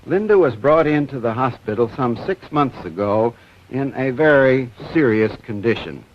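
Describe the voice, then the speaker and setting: A man's voice: mid-range voice, lively intonation, normal speed. Male physician presenter, hesitant and filler-heavy, heard through muffled 1950s TV broadcast audio with light hiss. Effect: 1950s TV broadcast sound. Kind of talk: explanatory TV science presentation. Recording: dull lo-fi old TV audio, faint hiss.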